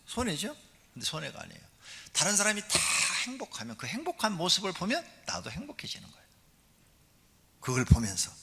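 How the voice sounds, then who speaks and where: Animated Korean pastor in a reverberant church hall. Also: male voice, slightly rough. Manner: animated preaching, acts out a nagging wife in a high voice. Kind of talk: sermon.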